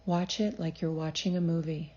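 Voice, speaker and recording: In a low, steady tone, a woman psychologist reads a scripted guided meditation, calm and measured as she gently gives instructions. The sound quality is lo-fi.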